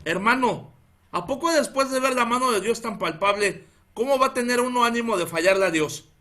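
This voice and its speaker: Mexican pastor guy, northern accent, bright forceful voice, animated sermon story, keeps saying hermanos. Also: extremely high pitch, brisk. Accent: northern Mexican Spanish. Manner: animated, keeps calling out "hermanos", laughs at his own story.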